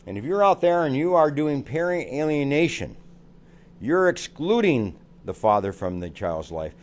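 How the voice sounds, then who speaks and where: A man's voice: mid-range voice, darkish tone. An older American man, a psychologist, giving earnest parenting advice and repeating phrases for emphasis. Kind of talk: advice talk to camera.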